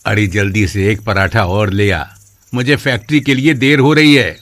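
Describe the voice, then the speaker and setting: A man's voice: lowish voice, normal speed, a bit bright, no echo, lightly acted. A man voicing a loving widowed father who works in a factory, in a cartoon, talking affectionately to his daughter.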